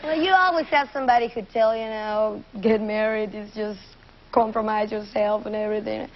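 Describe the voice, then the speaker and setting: A woman's voice: medium pitch, fairly even intonation, normal speed. A woman playing as a game show contestant, answering playfully off the cuff in slightly non-native phrasing. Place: television studio. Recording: dull, noisy old TV audio.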